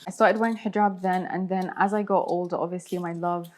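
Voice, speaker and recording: A woman's voice: on the low side, steady tone, a little fast, a little mellow. A young woman who grew up between Saudi Arabia and London, chatting casually and laughing at herself while she explains each cooking step. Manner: giggly, self-deprecating, explains steps as she cooks. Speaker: guest cook.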